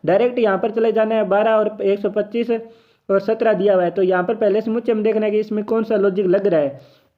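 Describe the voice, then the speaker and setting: A man's voice: sits high, steady tone, fairly quick. A man teaching an exam reasoning question in a chatty, encouraging way, thinking aloud as he solves it. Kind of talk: casual tutorial lesson. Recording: tinny phone-like audio.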